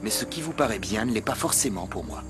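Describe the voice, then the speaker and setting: A man's voice: fairly low pitch, very animated, fast talker. A man dubbing a stern young master of a grand household, speaking formally and firmly, with music underneath. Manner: formal, firm. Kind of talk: dubbed television drama.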